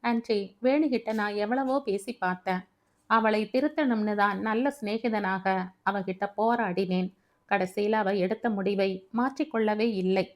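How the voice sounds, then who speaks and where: A woman's voice: mid-range voice, darkish tone, lightly acted. A woman voicing a guilt-ridden young man who earnestly and tearfully apologises to a grieving widow.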